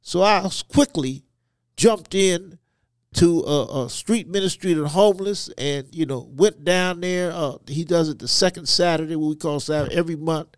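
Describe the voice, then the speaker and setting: Man, slightly high pitch, halting testimony, interview guest, dry recording. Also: clear, resonant tone, dry recording. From Ivory Coast, West Africa. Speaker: podcast guest. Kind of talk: personal testimony in a conversational interview.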